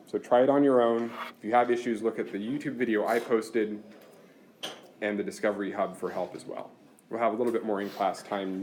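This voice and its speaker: A man's voice: lowish voice, darkish tone, slight background noise. A man teaching a university class, explaining course logistics step by step in a practical, chatty way. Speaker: university instructor. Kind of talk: classroom lecture.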